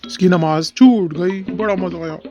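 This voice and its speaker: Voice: medium pitch, measured pace, over loud music, natural voice. A performer playing a scheming male devil who chuckles and coaxes a child in a moral short film. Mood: gleeful. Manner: gleeful, chuckling, coaxing.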